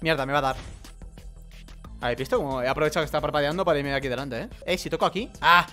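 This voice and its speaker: A man's voice: on the high side, very fast, bright, forceful tone, faint music behind. A man with a Spain Spanish accent giving jokey let's play commentary, reading game text aloud and muttering curses under his breath. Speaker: gaming YouTuber.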